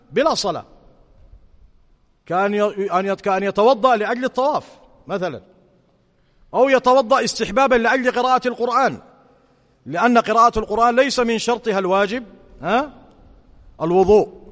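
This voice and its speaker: Sheikh teaching a class, high voice, checks in with students often, long hall echo. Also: male voice, a bit bright. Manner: questioning students, checking understanding. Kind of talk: religious lesson explaining to students.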